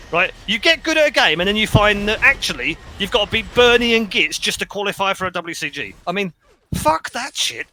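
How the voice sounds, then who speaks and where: Excitable game caster, high and very bright voice, light hiss behind. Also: male voice. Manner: excitable, jokey, shouts at big plays. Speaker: game commentator. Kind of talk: esports commentary.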